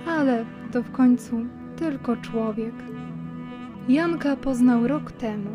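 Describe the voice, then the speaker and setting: Reading from a script, a woman narrates a children's story in a rather high voice, with music clearly audible behind her.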